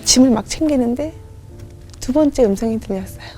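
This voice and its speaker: A woman with a high but mellow voice tells her story as a guest in a TV studio. She talks in an animated way and acts out the lines of the people in it. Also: a little fast, soft background music. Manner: animated, acts out remembered dialogue. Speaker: guest singer giving a testimony. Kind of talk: emotional testimony storytelling. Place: TV talk show studio.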